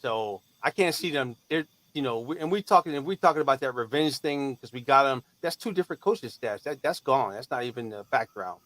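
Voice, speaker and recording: A man's voice: mid-range voice, animated, brisk, few pauses, a bit bright, slight background noise, rough recording. A man on a casual sports podcast, emphatic and slangy about injuries and rosters. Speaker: podcast co-host.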